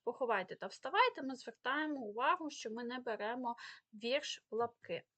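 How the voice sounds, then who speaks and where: A woman's voice: on the high side, expressive, a bit bright. A woman with a Ukrainian accent teaching an exam prep language lesson, explaining rules step by step and stressing example words. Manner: filler pauses.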